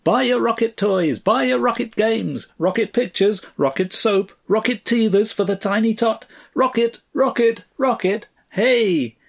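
A man voicing a loud male street vendor who shouts raucous sales patter. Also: high voice, unhurried, vocal fry, hardly any pauses, voice pushed up, full character voice. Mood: hawking.

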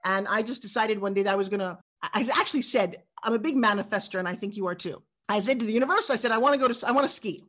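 A middle-aged woman from New York, a guest in an interview, telling stories in a quick and expressive way. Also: mid-range voice. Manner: animated storyteller, quick and expressive. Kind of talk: interview conversation.

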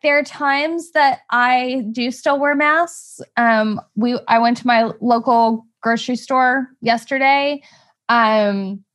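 Woman, high voice, reflective podcast co-host, hesitant, lots of fillers. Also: fairly bright tone. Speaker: podcast co-host, fertility doctor. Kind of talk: casual podcast chat.

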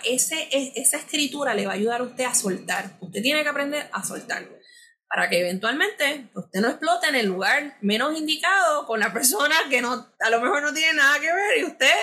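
A woman with a bright, ringing tone and a somewhat high voice speaks as a podcast guest. She gives earnest, conversational advice, talks straight to the listener, and slips into acted-out inner dialogue.

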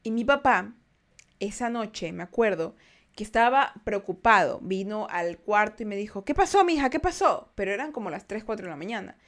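A young woman telling true ghost stories in casual podcast talk, acting out quoted lines with loud bursts and often restarting her sentences. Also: mid-range voice, moderate pace. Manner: frequent restarts, turns quiet and reflective. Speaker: podcast host. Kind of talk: casual storytelling.

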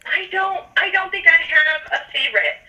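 A woman calling in on speakerphone from her car, chatting casually and quickly as a podcast guest. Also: extremely high pitch, animated, bright, forceful tone, recorded from a distance, rough recording. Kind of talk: casual chat.

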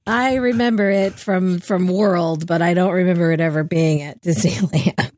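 A woman chatting casually as a podcast co-host, animated and laughing often. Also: on the low side, moderate pace, no room sound, clean studio sound. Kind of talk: casual chat.

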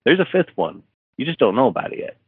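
A man's voice: medium pitch, sing-song, fast talker, slightly rough, dry recording. A man, an author being interviewed, casually retelling a story with many fillers and restarts. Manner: rambling with many fillers and restarts, acting out dialogue. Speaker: author guest. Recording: dry phone-like line.

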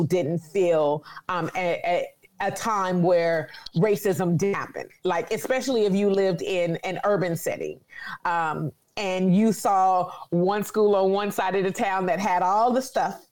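A woman's voice: lowish voice, darkish tone. A woman in her forties from California, speaking earnestly and reflectively in a conversational interview. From Sacramento, California.

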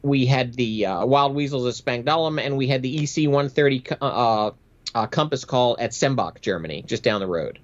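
A middle-aged American man, formerly a military aviator, recounts his experiences as an interview guest in a conversational storytelling style, emphatic and matter-of-fact. His voice is medium-pitched at a normal speed, and the recording has its highs cut off.

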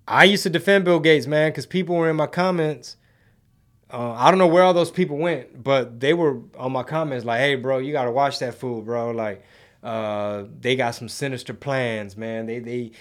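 Slangy Texan man chatting on a livestream. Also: mid-range voice. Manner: slangy, conversational, rhetorical questions to viewers. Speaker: host of a live commentary show and podcast. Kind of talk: casual livestream commentary with slangy chat.

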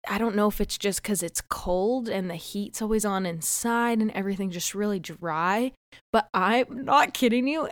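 A woman's voice: medium pitch, no room sound, clean studio sound. A young woman host chatting casually on her solo podcast, a bit stuffy and winded, rambling and laughing at herself. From United States.

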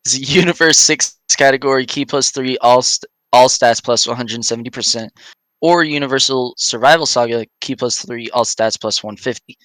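Brief: man, casual co-host, bright and forward tone, dry close sound, reads stats off a card. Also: medium pitch, moderate pace, no room sound. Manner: reads game stats aloud, laughs often. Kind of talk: casual podcast chat.

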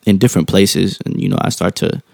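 A calm man with a low, mellow, soft-spoken voice and some vocal fry muses aloud in a casual monologue, using informal slang, halting rephrasings and plenty of tag questions to check in with his listener. The sound is studio quality with no echo.

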